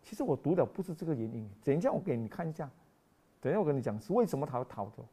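A woman preaches a sermon with a lively voice that swoops up and down. She bursts into loud exclaiming, drops to quiet asides, and slows right down to read scripture with care. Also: sits low, husky. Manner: reads scripture slowly and deliberately.

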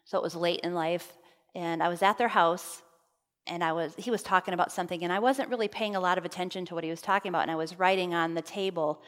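A woman giving a conversational sermon at a camp meeting, earnest and personal, telling stories with fillers. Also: on the low side. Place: meeting hall. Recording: long reverb of a large hall.

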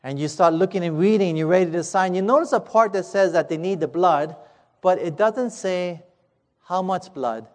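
A man preaching a sermon, telling a parable in a dramatic, emphatic way and slowing down on key words. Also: high voice. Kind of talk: sermon storytelling. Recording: echoey hall.

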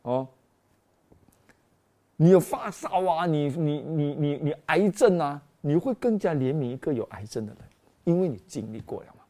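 A man's voice: a little high, normal speed. A middle-aged man, preaching as a pastor and telling a personal story with frequent exclamations. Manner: animated storytelling, frequent exclamations, mixes in English phrases. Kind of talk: sermon with personal testimony.

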